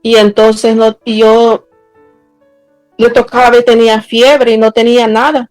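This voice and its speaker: A woman's voice: level tone, darkish tone, no echo, faint music behind, poor audio. Earnest woman preacher. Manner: earnest, slows down and rises in pitch when stressing a point. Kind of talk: personal testimony sermon.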